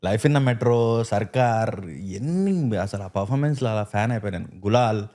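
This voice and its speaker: A man guest on a casual podcast chat, telling lively stories and acting out the lines he quotes. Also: lowish voice, normal speed. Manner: animated storyteller who acts out quoted lines. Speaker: guest actor.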